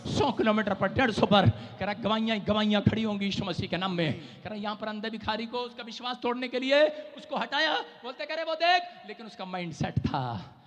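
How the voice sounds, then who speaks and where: A man preaching an impassioned, repetitive revival sermon, often breaking into shouts. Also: sits high, brisk, few pauses. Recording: echoey hall, dull lo-fi sound.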